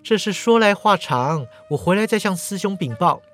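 A man voicing a lively, flustered young swordswoman in a storytelling podcast, in a raised whiny voice. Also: moderate pace, soft background music. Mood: cheerful. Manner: bubbly, whiny, high-pitched.

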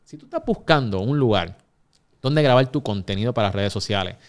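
An upbeat podcast host speaks straight to his listeners from a recording studio, energetically moving through promotional reads. His voice is fairly low and smooth, a little fast, with lively intonation.

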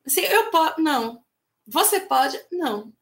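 A woman speaks in a notably high voice. She makes firm, blunt, emphatic points in a casual group discussion. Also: moderate pace, a bit bright. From Northeastern Brazil. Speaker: discussion panelist.

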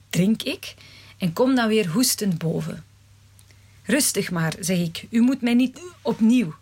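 A woman reading a first-person story aloud in a measured, dramatic way. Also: medium pitch, slightly rough. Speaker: narrator.

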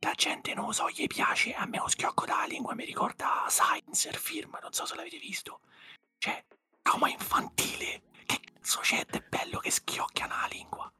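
A man's voice: normal speed, sharp tone, faint music behind. A man whispering on an ASMR podcast, blunt and casual with swearing.

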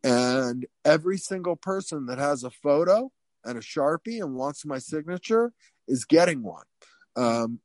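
A man telling a story in a casual interview, swearing freely and circling back with lots of fillers. His voice sits a bit high for a man, and it sounds dry and close, with no room around it. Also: no echo. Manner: animated, profane, many fillers and restarts. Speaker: interview guest.

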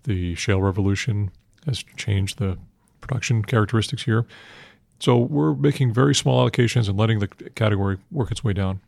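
An older man answering interview questions on finance in a measured, matter-of-fact investment banker manner, heavy with industry jargon. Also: lowish voice, vocal fry, a little mellow, no room sound. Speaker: institutional investment manager being interviewed.

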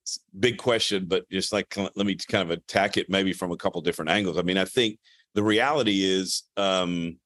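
A man from Louisiana, a guest pastor with a deep radio voice, talking casually and self-deprecatingly on a podcast, with halting restarts. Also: fairly bright tone, dry recording, studio quality.

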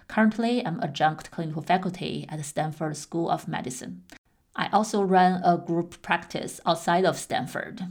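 A woman hosting a podcast, speaking in a measured, clear, explanatory way as she introduces the topic and interviews a guest. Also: on the low side. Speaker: podcast host, clinical psychologist.

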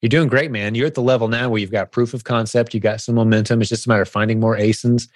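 A man hosting a live video-call Q&A, relaxed and encouraging, calling people buddy and man. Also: mid-range voice, fast, dry recording. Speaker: podcast host answering seller questions.

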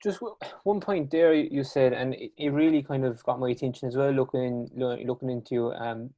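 A man with a strong Kerry accent from the west of Ireland, interviewing conversationally in halting, hesitant phrases. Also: medium pitch, dark tone. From County Kerry, west of Ireland. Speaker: interviewer, podcast host.

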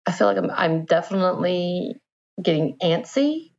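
A woman co-hosts a podcast from her dining room in a relaxed chat format. Her voice is low for a woman, and the home internet-call recording sounds slightly dull. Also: normal speed, gravelly. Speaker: podcast co-host. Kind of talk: casual chat. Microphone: home microphone and headset over an internet call.

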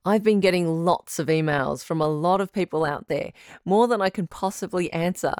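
A woman voicing a smooth radio host who runs a call-in advice show in a radio drama, steady and reassuring. Her voice sits fairly low, and she is recorded close and dry with no room sound. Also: moderate pace, no room sound, lightly acted. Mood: calm, welcoming.

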